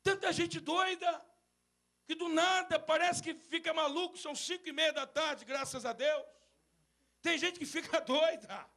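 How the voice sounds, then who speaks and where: A man preaching an animated sermon at a church service, acting out stories and breaking into shouts. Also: extremely high pitch, a little slow. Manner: mixes English phrases into his sermon. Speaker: bishop preaching.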